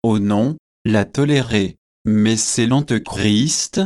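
A man reading aloud the lines of a fanatical, excitable preacher in a slow, measured way. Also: lowish voice, no echo, clean studio sound. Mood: indignant.

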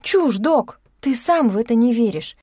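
A woman narrator voicing a defiant, sharp-tongued young woman in an audiobook, speaking higher than her narrating voice. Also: animated, normal speed, no room sound, clean studio sound. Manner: sharp, defiant, raised pitch.

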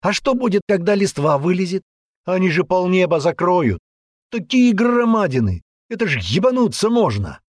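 A man voicing a hot-tempered, brutish young man who rants and yells threats in an audiobook. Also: high voice, very animated, normal speed, dry recording, clean studio sound, pitched above the performer's own voice. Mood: ranting. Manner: aggressive ranting, yelling threats. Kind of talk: audiobook character voice.

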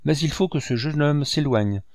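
A man's voice: on the high side, moderate pace, a little mellow, no room sound, clean studio sound, voice pushed up, natural voice. A man voicing a devoted, outspoken female servant who speaks firmly and protectively, reading a French novel aloud. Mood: earnest. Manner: firm, protective, slightly scolding.

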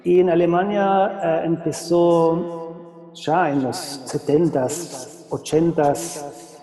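A man from Germany, a native German speaker with a German accent, giving an informal lecture as a guest speaker, halting as he searches for words. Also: fairly high pitch, mellow. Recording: echoey hall with crowd sound.

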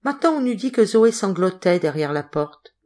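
A woman narrating an audiobook in a steady, expressive reading voice. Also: medium pitch, normal speed. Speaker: audiobook reader.

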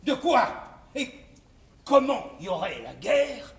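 An actor playing a bullying, sly army sergeant in theatrical style, questioning with a sardonic drill-sergeant bark, recorded on an echoey stage. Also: male voice, very high-pitched, sing-song, slow, creaky, distant mic, heavily acted. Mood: jeering, domineering. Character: male army sergeant recruiting soldiers, bullying, sly and jeering.

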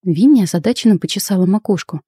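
A woman narrating an audiobook in an unhurried, even reading. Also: mid-range voice, husky, no room sound, studio quality. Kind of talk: scripted narration.

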